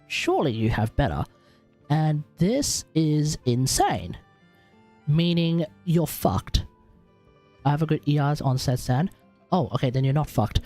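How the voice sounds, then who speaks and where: This Australian man's voice sits a little high, with a darkish tone and a breathy edge. As a game livestream host he chats casually about character builds, swearing freely and thinking out loud in a relaxed, informal manner.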